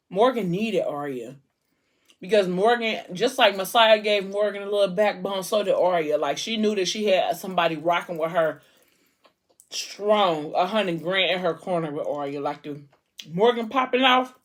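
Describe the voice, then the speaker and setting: A woman's voice: fairly low pitch, lively intonation, normal speed. A woman vlogger retelling a story in a casual, colloquial, gossipy way with acted-out dialogue.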